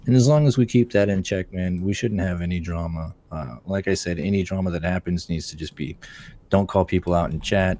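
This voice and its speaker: Blunt, profane deep-voiced man. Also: darkish tone, a little hiss or hum. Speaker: guild raid leader. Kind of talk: casual voice-chat meeting.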